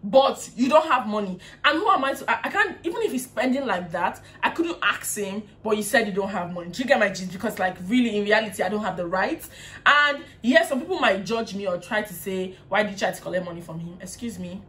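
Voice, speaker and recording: A young woman with a Nigerian English accent telling a storytime vlog casually, animated and often laughing while mimicking others. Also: mid-range voice, brisk. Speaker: vlogger.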